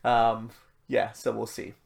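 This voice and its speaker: A man serving as pastor gives church notices before his sermon, then leads a prayer. He talks in a chatty, self-deprecating way, dropping in quick asides. He is speaking at a church service that is streamed live. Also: medium pitch, completely flat delivery, gravelly. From Malaysia.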